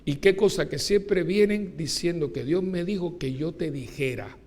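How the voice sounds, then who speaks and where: A man, a priest giving a lively homily at mass, joking and asking his congregation rhetorical questions. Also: a little high, moderate pace. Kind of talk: sermon. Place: church during mass.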